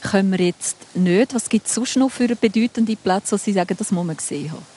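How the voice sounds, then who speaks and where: A woman's voice: medium pitch, a little fast, dark tone, breathy edge. A woman with a Swiss German accent hosting a live radio show while walking outdoors through a town, guiding listeners and leading into her guests. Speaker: radio host. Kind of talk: live radio walk-and-talk.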